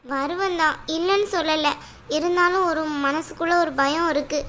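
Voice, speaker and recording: A woman doing a shrill, fiery young wife. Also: normal speed, a little hiss or hum. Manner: complaining, sharp-tongued. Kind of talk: cartoon voice acting.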